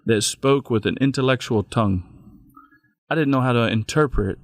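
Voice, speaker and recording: A man's voice: medium pitch, normal speed, no echo, clean studio sound. A middle-aged man, a pastor telling his own story in an interview, plainspoken and folksy, often restarting his sentences. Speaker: pastor and guest. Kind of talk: personal storytelling in a podcast interview.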